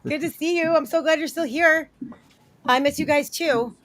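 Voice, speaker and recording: A woman's voice: high voice, moderate pace, a bit bright. Woman on a group video call, hesitant. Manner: hesitant, full of ums and uhs. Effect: voice heard over a group video call. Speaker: returning panelist. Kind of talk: casual chat. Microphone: computer mic on a video call.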